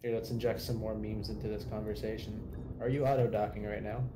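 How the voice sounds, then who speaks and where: A man's voice: lowish voice, little pitch movement, a little fast, noisy background. A man chatting casually with a friend during a game stream, teasing and cracking crude jokes. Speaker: co-player friend. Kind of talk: casual gaming chat.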